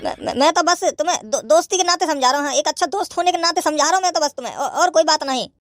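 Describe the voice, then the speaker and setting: A woman voicing a cowardly cartoon villager who stammers and pleads fast. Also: high voice, heavy background noise, natural voice. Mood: pleading.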